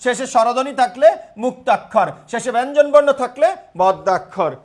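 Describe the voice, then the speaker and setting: A man's voice: very high voice, expressive, brisk. A young man teaching grammar in a live online class, repeating terms and quizzing his students.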